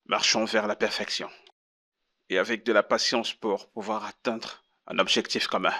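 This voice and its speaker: A man dubbing a calm, preachy marriage counselor in a film drama, speaking in a measured, sermonizing way. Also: fairly low pitch.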